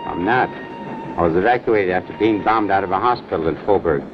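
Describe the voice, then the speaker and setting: An actor playing a guarded, polite undercover agent in a 1940s film, giving terse answers. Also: male voice, sits low, a little fast, music in the background. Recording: muffled old film soundtrack, clear noise.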